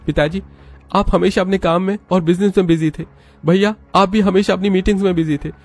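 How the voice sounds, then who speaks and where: A man's voice: on the high side, a little fast, a little mellow, voice pushed up, close to an everyday voice. Impassioned young husband, a man putting him on. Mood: angry. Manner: emotional, impassioned. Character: young rich husband, lovesick and fiery.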